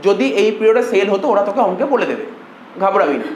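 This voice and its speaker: ক্লাসে হিসাবশাস্ত্র পড়াচ্ছেন এক পুরুষ শিক্ষক, বারবার একই কথা বলে ছাত্রদের প্রশ্ন করে বোঝান, কথায় বাংলা টান।. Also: male voice, high voice, sing-song, fast talker, muffled recording. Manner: coaxing, repetitive, asks students questions. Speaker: accounting tutor. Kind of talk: classroom lecture. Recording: echoey room, faint hum.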